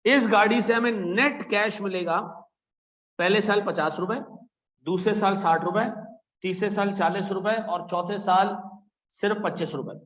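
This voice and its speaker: A man's voice: sits high, a little slow, a bit bright. Chatty male teacher in an echoey classroom. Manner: chatty, tells stories, keeps asking "theek hai na?". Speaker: accounting teacher. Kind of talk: classroom lecture with anecdotes. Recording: echoey classroom, dull lo-fi sound.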